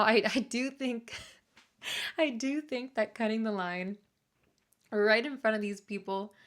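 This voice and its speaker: A woman's voice: medium pitch, fairly bright tone. A woman hosting a casual commentary, wry and amused as she talks over clips. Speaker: commentary host.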